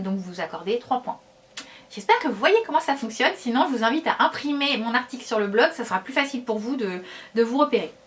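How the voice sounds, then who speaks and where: A woman's voice: mid-range voice, a bit bright. A woman vlogger talking casually to her viewers, chatty and hesitant, with many fillers. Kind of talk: casual talk to camera.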